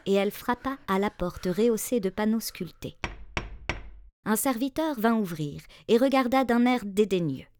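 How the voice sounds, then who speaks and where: A woman narrating a fairy tale in a measured, expressive reading voice. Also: medium pitch, slight background noise. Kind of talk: storybook narration.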